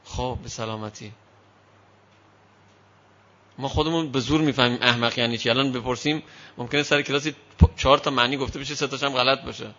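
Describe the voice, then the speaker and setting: A man giving a talk on raising children to an audience. He tells lively stories and acts out the voices of parents and children. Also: medium pitch, pauses often, lo-fi sound. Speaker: parenting lecturer. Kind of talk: speaking to an audience on child upbringing.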